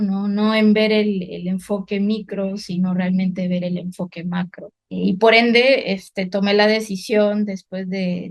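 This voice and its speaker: Woman, 30s, from Guatemala, environmental researcher; mid-range voice, reflective and unscripted, full of hesitations. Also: medium pitch. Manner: reflective, many fillers and restarts. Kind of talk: personal career story, unscripted.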